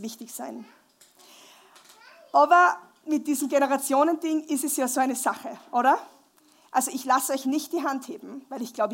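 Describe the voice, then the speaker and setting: Woman preacher, high voice, lively live sermon with questions to the congregation. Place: church hall, live before a congregation.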